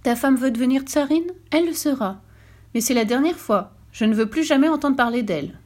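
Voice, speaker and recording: A small magic golden fish speaks high and clear with stern authority, as a woman reading a storybook puts him on. The voice sits far above a plain reading tone and carries a solemn, measured weight. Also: animated, a little mellow.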